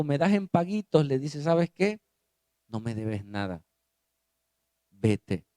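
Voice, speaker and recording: A male pastor preaches a sermon in a high, unhurried voice. He constantly puts questions to the congregation, dropping quiet and low, then rising loud and emphatic. The sound is close and dry. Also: no room sound. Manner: asks the congregation frequent rhetorical questions.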